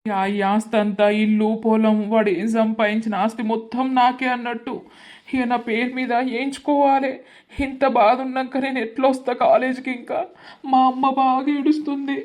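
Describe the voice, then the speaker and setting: Young male cartoon student, sorrowful, a bit high-pitched, woman actor. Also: level tone, moderate pace, darkish tone, natural voice. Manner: sorrowful, complaining. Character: young male college student, grieving family trouble. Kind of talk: village cartoon voice acting.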